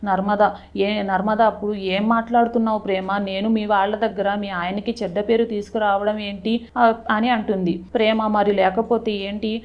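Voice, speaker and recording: A woman's voice: medium pitch, flat delivery, lo-fi sound. A woman recapping a TV serial episode, narrating the plot and speaking the characters' lines with frequent restarts. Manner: quick retelling with frequent restarts and self-corrections. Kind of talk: retelling a TV serial episode with quoted dialogue.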